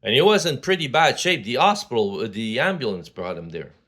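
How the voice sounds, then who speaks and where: A man's voice: mid-range voice, big pitch swings, fairly quick, fairly bright tone. Rambling man in his sixties from Quebec. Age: 60s. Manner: rambling, many fillers and restarts. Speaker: vlogger. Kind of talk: casual rambling monologue.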